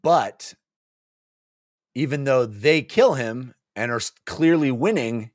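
A man in his forties hosts a book club podcast from a small home studio, recapping a novel in casual, jokey chat and acting out characters' lines with animation. He speaks slowly at medium pitch, close to a studio microphone on a boom arm, and the recording is dry.

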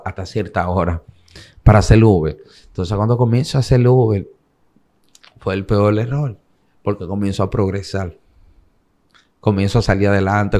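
A young man with a Dominican accent from the Cibao region, telling his story as an interview guest and acting out what others said. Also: on the low side. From Dominican Republic. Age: young adult. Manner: animated retelling, acting out the voices of others in quotes.

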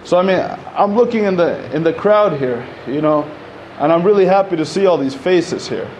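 A man's voice: a little high, lively intonation, normal speed, darkish tone, a little hiss or hum. A man in his thirties, originally from Egypt, speaks at a podium in a community center hall, talking conversationally with lots of fillers and restarts. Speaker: panel speaker. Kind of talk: public talk at a podium. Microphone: podium microphone.

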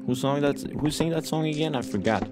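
A gaming YouTuber hosts a casual let's play, his voice on the high side and a little fast. He rambles playfully, often repeats his own phrases, and sounds short on sleep, with music playing behind him.

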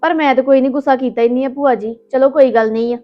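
A woman's voice: high-pitched, steady tone, racing, natural voice. A woman playing a polite, conciliatory young wife in a Punjabi village family drama, speaking with a Punjabi accent. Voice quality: soft, soothing, polite. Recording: dull lo-fi with music.

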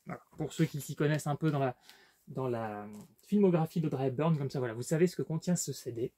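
A man's voice: fairly high pitch, a little fast, mellow. A man casually showing his book collection in a vlog, talking with lots of fillers and restarts. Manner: hesitant, many fillers and restarts. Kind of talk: casual unboxing vlog chat.

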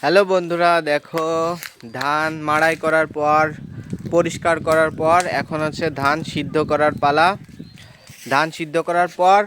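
A man's voice: on the high side, level tone, moderate pace, background noise. A young man from a Bengali village vlogging in simple, teacherly talk, asking viewers questions and answering them himself. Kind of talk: casual explainer vlog to viewers. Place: outdoors in a village farmyard.

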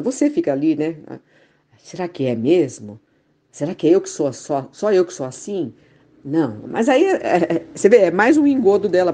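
A woman talking frankly about her frustrations in a casual reflective conversation, halting often with fillers and restarts. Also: mid-range voice, mellow. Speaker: conversation partner in spiritual talk.

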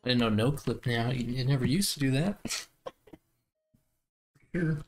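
A man chatting casually while playing a multiplayer game, relaxed and bantering. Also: mid-range voice, measured pace, a little hiss or hum. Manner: laid-back banter, laughs a lot. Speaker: gamer. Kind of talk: casual multiplayer gameplay chat.

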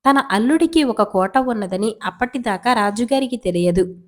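A woman with a fairly high voice reads folk tales aloud at a normal, steady, even pace. Her calm, scripted delivery resembles a read-along storybook.

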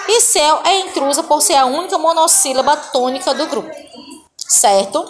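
A woman's voice: high voice, moderate pace, noisy background. A Brazilian woman teaching a recorded primary school Portuguese class. She reads word lists aloud patiently and keeps checking in with her pupils. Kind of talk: recorded online class walkthrough.

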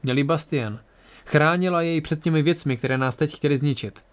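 A man voicing a calm, thoughtful male hero in an amateur audiobook reading. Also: lightly acted. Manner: low, quiet, measured.

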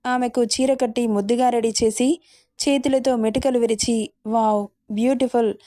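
A woman narrates a romance story in a steady, scripted read. Her voice is a touch high and mellow. The recording is dry and close. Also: moderate pace, no echo.

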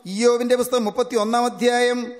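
A man preaching with a strikingly high voice that rings out in a hall with a long reverb. He repeats each scripture phrase at a slow, deliberate pace, then drives his point home with steady repetition. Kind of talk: sermon.

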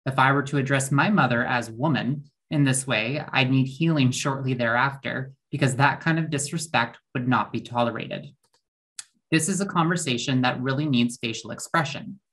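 Lay preacher, mid-pitched, conversational sermon full of questions. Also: a bit bright. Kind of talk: sermon reflection.

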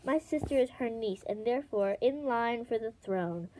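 A woman's voice: on the high side, animated, normal speed, dark tone, slight background noise, natural voice, low-quality recording. A woman voicing a proud, prickly young male ice dragon who talks in a demanding, grumpy way. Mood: haughty.

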